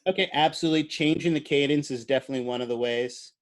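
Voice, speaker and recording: Speaking fast in a rather high voice, a male biology lecturer teaches a class. His explanations are easygoing and conversational, sprinkled with fillers like "uh," and he poses questions to the students.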